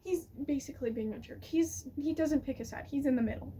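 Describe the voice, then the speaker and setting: A young woman chatting casually, rambling with many fillers and restarts and acting out quotes in quick little voices. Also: high voice, dark tone, far from the mic, slight background noise, low-quality recording. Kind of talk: casual chat about a musical. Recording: voice set back from the mic.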